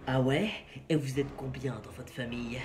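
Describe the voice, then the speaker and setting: A man voicing a slow, scornful mob boss who looks down on his rival. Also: fairly even intonation, a crowd in the background, close to an everyday voice. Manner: slow, low, contemptuous delivery.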